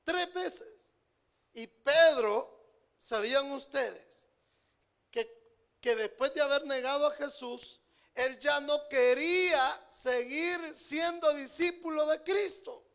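A male pastor delivers a sermon in a strikingly high, gravelly voice. He preaches at an unhurried pace, repeating phrases for emphasis and moving between loud outbursts and hushed asides.

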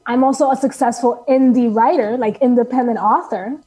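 A woman's voice: fairly high pitch, fairly even intonation, fairly quick, warm tone, husky, low-quality recording. A woman author as a podcast guest, speaking in an upbeat, earnest way and laughing easily. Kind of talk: casual interview chat.

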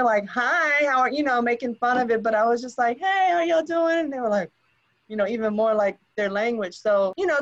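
Storytelling woman, slightly dull sound. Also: fairly high pitch. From Los Angeles. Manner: storytelling, acts out quoted voices. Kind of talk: casual conversation.

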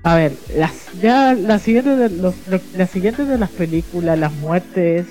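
Hesitant Chilean guy, slightly high voice. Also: expressive, a little slow, a little mellow, faint music behind. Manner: hesitant, rambling, laughs at himself. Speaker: podcast co-host. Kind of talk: casual chat.

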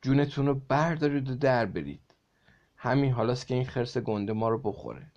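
A panicky schoolboy from a storybook shouts warnings in alarm, as a man reading aloud puts him on. His voice rides a little higher and louder than the reader's own, with a mid-range tone. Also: fairly even intonation, lo-fi sound, lightly acted.

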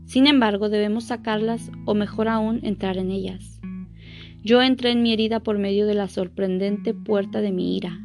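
Woman reading a book aloud, gravelly voice, earnest with small stumbles, guitar music underneath. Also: mid-range voice, fairly even intonation, moderate pace. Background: soft guitar music.

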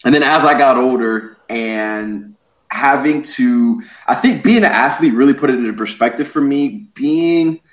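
A man's voice: mid-range voice, measured pace. A man from Ohio, a former coach, talking energetically and rambling a little in a casual interview. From Columbus, Ohio, USA. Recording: roomy, slightly dull audio.

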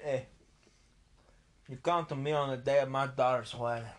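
A drunk man putting on a gruff middle-aged mob boss from a gangster film, mumbling the lines with a put-on menace. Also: medium pitch, steady tone, normal speed, lightly acted. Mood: menacing.

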